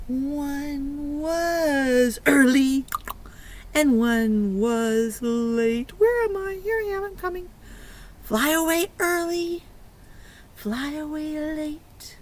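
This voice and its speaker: A woman with a high-pitched, slightly mellow voice speaks very slowly yet animatedly while teaching young children. As an early learning preschool teacher, she uses sung fingerplay rhymes in a playful, sing-song manner, with slight background noise audible.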